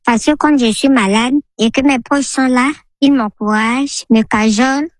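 A woman in her fifties from the Central African Republic, speaking through a voice changer that disguises her identity. Her altered voice sits a little high and sounds close and dry. She leaves an earnest, measured message for a radio show. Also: no echo. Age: 50s. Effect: voice altered by a voice changer for anonymity. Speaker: listener leaving a message. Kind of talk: recorded answering-machine message, personal testimony.

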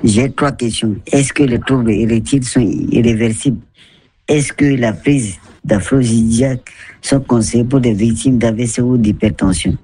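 A man in his sixties leaving a recorded voicemail question, his voice altered by a voice changer to hide who he is, speaking in a formal, measured way as he reads out a list of points. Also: mid-range voice, warm tone, slightly rough. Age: 60s. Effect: voice altered by a voice changer for anonymity. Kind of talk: recorded answering-machine message.

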